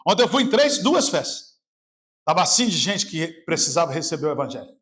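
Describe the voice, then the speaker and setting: At a church service, a male pastor with a Brazilian Portuguese accent delivers a sermon a little fast, with big pitch swings. He shifts between shouting and a quiet, lowered voice.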